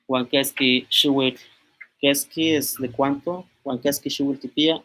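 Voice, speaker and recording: A young man in his twenties, from Mexico, giving an informal language lesson and slowly repeating words as he writes them out. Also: mid-range voice, fairly even intonation, fairly bright tone. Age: 20s. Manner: slow, repeats words aloud while writing on a board. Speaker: language teacher.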